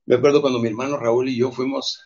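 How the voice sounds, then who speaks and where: A man's voice: mid-range voice, level tone, fast, darkish tone. A man from Mexico, giving an emphatic, preachy motivational talk to his audience. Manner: emphatic and preachy, often calls listeners "champions". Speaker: motivational speaker. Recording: dull lo-fi recording.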